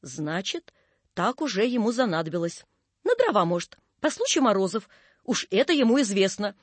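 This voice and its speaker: A man's voice: sits high, very animated, normal speed, husky, dry recording, heavily acted. A sly old-fashioned clerk, as a man puts him on, dropping his voice for knowing asides. The sound is close and dry. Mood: wry. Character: sly, knowing male shop clerk, unhurried.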